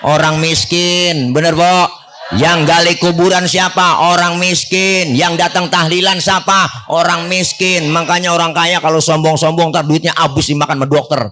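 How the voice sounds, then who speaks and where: A man's voice: on the high side, fairly even intonation, moderate pace, bright, forceful tone, faint music behind. A middle-aged man with a Betawi accent giving a comedic sermon at a religious gathering, joking with and teasing his audience in colloquial speech. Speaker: Islamic preacher. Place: Prophet's birthday gathering in a village neighborhood.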